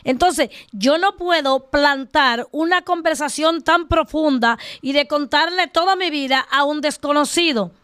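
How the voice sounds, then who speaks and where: High-voiced woman teaching with emphasis. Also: a little slow, few pauses, a bit bright. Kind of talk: casual faith discussion.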